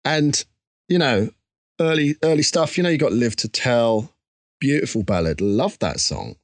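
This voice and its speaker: An expressive, mid-range male voice at normal speed, recorded without room sound. He's a musician from Essex with an Essex English accent, speaking as an interview guest in a casual setting. His talk is candid and reflective, with a conversational, self-deprecating quality.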